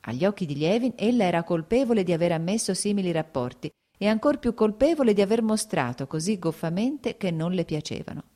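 A woman narrating a classic novel as an audiobook in a measured, even reading. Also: medium pitch.

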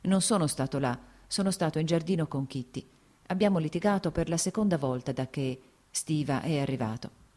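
A woman's voice: deep voice, fairly quick, a little mellow. A woman voicing a jealous, impulsive young landowner, reading him curt and agitated, only a little apart from her narrating voice. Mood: uneasy.

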